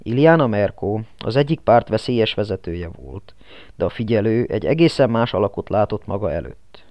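A man narrating an audiobook in steady, scripted storytelling. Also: on the low side, no echo. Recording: dull lo-fi, dry.

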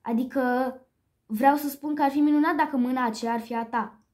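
A woman's voice: sits high, steady tone, mellow, close to an everyday voice. A woman voicing an easygoing, charming male alley cat in a read-aloud storybook. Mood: casual.

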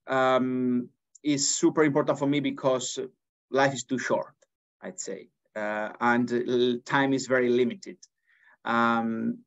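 A man's voice: mid-range voice, creaky. A man in his thirties with a Spanish accent, talking earnestly as an interview guest from an office, with frequent restarts. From Spain. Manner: earnest, many restarts and fillers. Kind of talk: conversational interview. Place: office with large windows. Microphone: laptop webcam on a video call. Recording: dull lo-fi video call audio.

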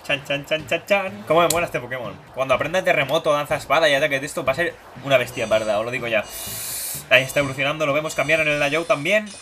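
Bright-voiced young Spaniard playing a game. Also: male voice, rapid-fire, slight background noise. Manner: playful, voices game characters in silly high tones. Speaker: gaming YouTuber. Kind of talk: casual Let's Play commentary. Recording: game music behind voice.

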